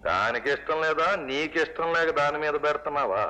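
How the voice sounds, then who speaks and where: A man's voice: a little high, expressive, quick pace, background noise, close to an everyday voice. An actor playing a glib, mocking middle-aged father who lectures his family in a film scene. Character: sarcastic scheming middle-aged village father. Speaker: father of the bride. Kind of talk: 1980s film dialogue.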